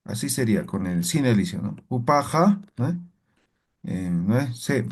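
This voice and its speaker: A man's voice: fairly low pitch, expressive, normal speed, a little mellow, husky. A man teaching a language class, explaining step by step and checking in with frequent tag questions. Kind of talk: classroom lesson.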